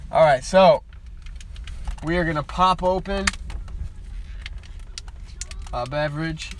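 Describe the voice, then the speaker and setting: Young male streamer, casual and rambling, a touch higher than most, talking into a phone in his parked car. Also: slow, background noise. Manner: rambling, chatty, easily sidetracked. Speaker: live streamer. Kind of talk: casual live-stream chat.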